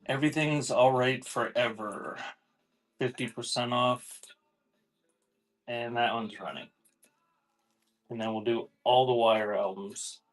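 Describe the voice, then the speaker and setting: Speaking slowly with long pauses, this man runs a live online auction selling cassette tapes. His mid-range voice keeps a steady tone as he announces each item in casual, improvised livestream sales talk.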